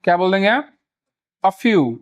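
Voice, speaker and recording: A man teaching grammar in Hindi. He repeats model sentences slowly and deliberately, with frequent "yes" check-ins. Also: sits high, very animated. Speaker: English teacher. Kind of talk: spoken grammar lesson in Hindi with English examples.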